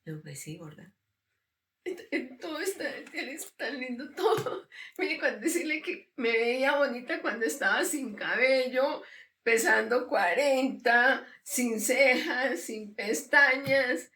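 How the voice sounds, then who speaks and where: An older woman telling her story in an interview, lively and often acting out what others said. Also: high voice, slow pace. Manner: lively storyteller who acts out quoted dialogue and laughs often. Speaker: interviewee sharing a personal testimony. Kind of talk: conversational storytelling. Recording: roomy sound from a distant mic.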